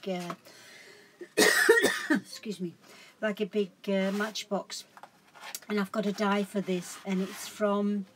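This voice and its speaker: A woman's voice: medium pitch, noisy background. A woman casually showing her crafts at home, rambling and correcting herself as she goes. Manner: rambling, chatty, self-correcting. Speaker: craft vlogger. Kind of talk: casual show-and-tell chat.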